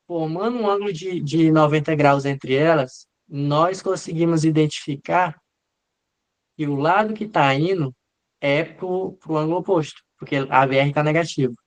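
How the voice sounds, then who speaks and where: A man teaching a live online class in an informal way, answering students by name and acting out what the leads are saying. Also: fairly high pitch. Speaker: medical lecturer.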